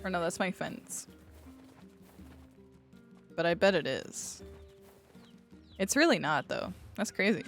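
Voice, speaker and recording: A woman's voice: on the low side, expressive, takes it slowly, long pauses. A young woman chatting through a video game stream in a loose, joking way, swearing freely. She breaks off to read the game's text aloud. Faint game music sits underneath. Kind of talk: casual gameplay commentary.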